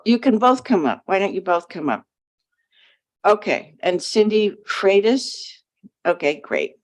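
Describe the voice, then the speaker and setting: A woman chairing a planning commission meeting, reading procedural rules and gently directing testifiers to the table microphone. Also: medium pitch, big pitch swings, measured pace. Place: county planning commission hearing room.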